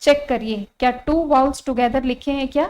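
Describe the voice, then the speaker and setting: Woman, Indian accent, online grammar teacher, fairly high voice, drawn-out spelling of words, repeats herself. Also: fairly even intonation, darkish tone, rough recording. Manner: spells out words slowly, repeats key phrases. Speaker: English teacher. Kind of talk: online exam-prep grammar lesson.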